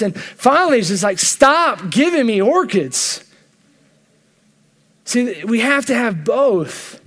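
A man preaching at a church retreat, telling a personal story and acting out the voices he quotes. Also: very high-pitched.

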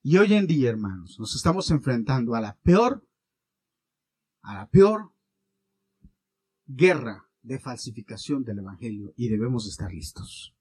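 A man preaching a sermon as pastor, animated, with wide swings between loud and quiet. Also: mid-range voice, unhurried, pauses often, breathy edge, no echo.

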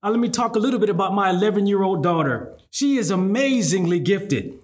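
High-pitched, animated man preaching. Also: a little fast. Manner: rhetorical questions and repeated refrains. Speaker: pastor. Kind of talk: sermon preached to an online congregation.

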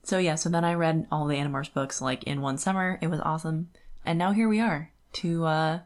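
A young adult woman co-hosts a podcast, chatting casually about books. She has a deep voice with fairly even intonation and a brisk pace.

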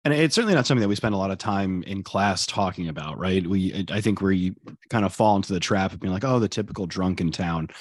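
Brisk male host, low voice, quick, dry close mic. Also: no room sound. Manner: brisk, upbeat, leading the talk. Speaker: podcast host. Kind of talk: casual chat.

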